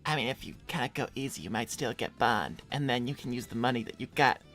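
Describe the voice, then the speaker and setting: A man's voice: medium pitch, fast, fairly bright tone, dry recording, soft background music, lightly acted. A man playing a timid young male hedgehog job seeker, hedging and pleading in an improvised live cartoon roleplay. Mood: placating. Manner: hedging, placating.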